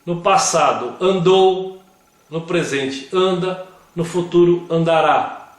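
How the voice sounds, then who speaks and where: A man giving a slow scripted grammar lesson, reading word examples one at a time. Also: on the high side. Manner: reads word lists one by one. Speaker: grammar teacher. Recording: very echoey room.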